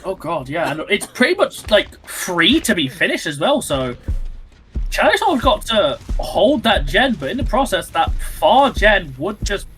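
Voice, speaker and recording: Man, esports caster, high voice, very lively pitch, rambling live commentary, clear music behind. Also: measured pace. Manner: animated, rambling with frequent fillers and restarts.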